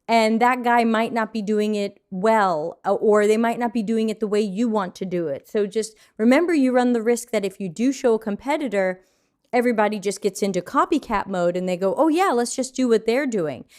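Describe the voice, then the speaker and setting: A woman's voice: medium pitch, fairly quick, darkish tone. Chatty American woman teaching a lesson. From United States. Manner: chatty, conversational, answers viewer questions. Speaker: UX design teacher. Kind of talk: live online micro lesson.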